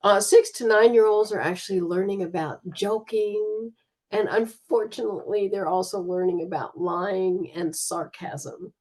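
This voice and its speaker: A woman giving a relaxed, chatty slide presentation from a computer, with frequent fillers. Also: mid-range voice, a little slow. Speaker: student presenter.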